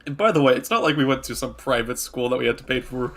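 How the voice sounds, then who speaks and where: A man's voice: mid-range voice, quick pace, gravelly, a bit bright. A young man co-hosting a casual podcast, rambling and hedging with plenty of fillers. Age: young adult. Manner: rambling, hedging with lots of likes. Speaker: podcast co-host.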